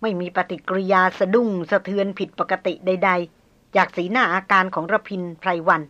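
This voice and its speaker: A woman reading a novel aloud as an audiobook narrator, steady and measured, doing the characters' voices. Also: medium pitch, muffled recording.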